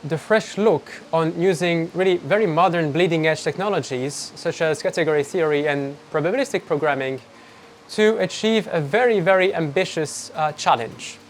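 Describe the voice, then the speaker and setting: A man's voice: on the high side, normal speed, slight background noise. A man speaking fluently and technically in an interview. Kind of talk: interview talk.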